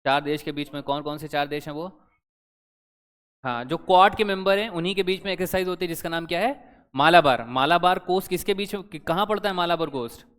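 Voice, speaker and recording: A young man leads an exam-prep lesson in a conversational, quizzing way, often asking his students questions. His voice is smooth and sits a little high. A long reverb trails behind his words, as if he is speaking in a hall. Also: fast talker, a bit bright. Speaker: current affairs teacher.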